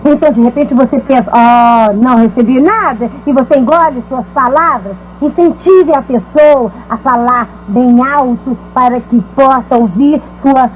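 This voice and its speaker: A woman preacher teaching a congregation in a dubbed talk, lively and animated, sometimes chanting repeated words to demonstrate. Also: high voice, moderate pace, few pauses. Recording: dull lo-fi recording with faint hum.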